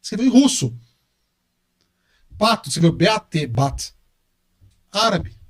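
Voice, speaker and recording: A middle-aged man with a Brazilian Portuguese accent, a university professor and engineer who is a guest on a casual podcast interview. He talks in an animated way and repeats words for emphasis. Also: high-pitched, measured pace.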